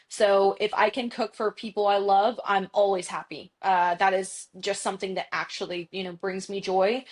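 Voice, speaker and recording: A woman in her thirties talking as an interview guest in a casual, chatty, self-deprecating way, with frequent fillers. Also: medium pitch. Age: 30s. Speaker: guest executive.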